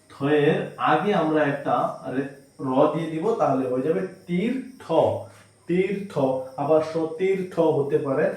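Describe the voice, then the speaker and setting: A man's voice: fairly high pitch, darkish tone, far from the mic. A man teaching a reading lesson, patiently repeating each sound several times over. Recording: very echoey room.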